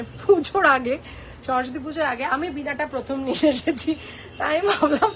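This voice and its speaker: Woman, high voice, live-stream sales chat, playful and teasing, code-switching to English. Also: fairly bright tone, a little hiss or hum.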